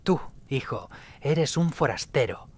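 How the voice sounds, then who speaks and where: A man voicing a wise old man who speaks gravely and like a father to a young stranger. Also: medium pitch, lively intonation, slow, pitched above the performer's own voice. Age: older.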